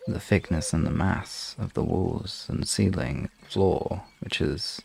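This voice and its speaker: A man chats informally with live-stream listeners in a halting way, swearing now and then. His voice is gravelly, husky, low-pitched and a little mellow.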